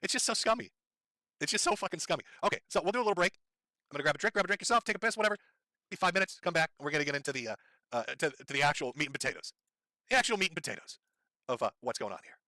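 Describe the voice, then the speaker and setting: Fast, sarcastic livestream host. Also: male voice, fairly high pitch, animated, pushed and bright, dry recording. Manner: sarcastic, profane, mocking. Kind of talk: commentary stream.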